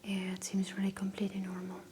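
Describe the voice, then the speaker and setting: A woman whispering gently as a doctor in a medical ASMR roleplay, giving soft step-by-step instructions. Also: medium pitch, completely flat delivery, a little fast, slight background noise.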